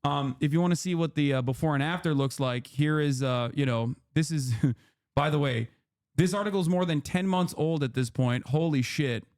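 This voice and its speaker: A man's voice: on the high side, moderate pace. A man in his thirties hosting a stream, explaining politics to a guest in a heated, profane way and pushing his voice up hard for emphasis. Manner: impassioned, profane, rising to near-shouting emphasis. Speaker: streamer host.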